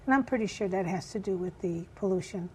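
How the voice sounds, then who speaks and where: A raspy-voiced woman who chairs a community group is a guest in a news interview. She replies earnestly with frequent pauses and fillers in a mid-range voice, and a little hiss or hum sits in the recording.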